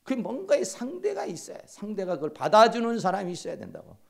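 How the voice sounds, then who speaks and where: A middle-aged man giving a counseling lecture at a seminary, telling stories and acting out quoted lines in hushed voices. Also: sits high, wildly swooping pitch, quick pace, gravelly.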